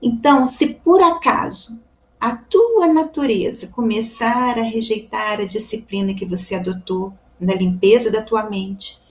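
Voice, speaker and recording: A woman with a Brazilian accent giving a devotional Spiritist reflection, calm and reflective, often asking her listeners questions. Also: fairly high pitch, measured pace. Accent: Brazilian Portuguese. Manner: calm, reflective, asks the audience rhetorical questions; addresses listeners warmly as "gente". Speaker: Spiritist lecturer.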